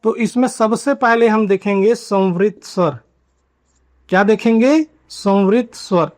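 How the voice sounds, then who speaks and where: A man teaching a grammar lesson at a board, asking questions and answering them himself, and drawing out key terms slowly. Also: high-pitched, a little mellow. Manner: asks and answers his own questions. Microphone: writing on a board while teaching.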